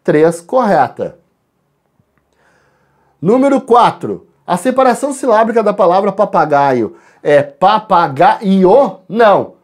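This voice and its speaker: Lively Brazilian teacher going over an exam. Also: medium pitch. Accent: Brazilian Portuguese. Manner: talks to the class, spells out letters and counts sounds aloud; shifts between quick asides and slow stressed words. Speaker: Portuguese teacher. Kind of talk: recorded exam-correction class.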